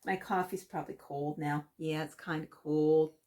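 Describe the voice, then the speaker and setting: A woman's voice: low-pitched, steady tone, moderate pace, dark tone. Chatty Canadian woman rambling on camera. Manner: chatty, meandering, many fillers and restarts. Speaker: cross-stitch vlogger. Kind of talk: casual rambling chat.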